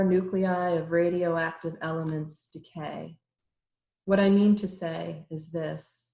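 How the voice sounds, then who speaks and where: A poet with a slow, low, somewhat dark voice reads her poems on a virtual reading call from a room at home, giving short introductions that are measured, hesitant, and full of fillers. She uses a computer mic on a video call, and the recording has a roomy echo.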